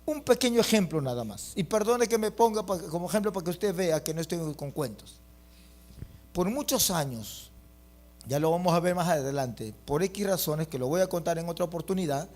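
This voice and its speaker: A middle-aged man preaching a fiery sermon as pastor, breaking into loud bursts and acting out quotes. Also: on the high side, expressive, fairly quick.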